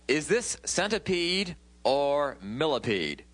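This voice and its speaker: A man's voice: on the high side, big pitch swings, takes it slowly, fairly bright tone. A man hosting a game show, speaking upbeat and directly to contestants as he announces questions and results. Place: television studio game show set.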